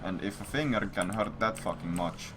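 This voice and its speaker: Over keyboard clatter and noisy stream audio, a man's fairly low, gravelly voice moves at a normal speed. This livestreamer chats casually and rambles to viewers, cursing a lot. He's blunt and repetitive, looping back to say the same things again.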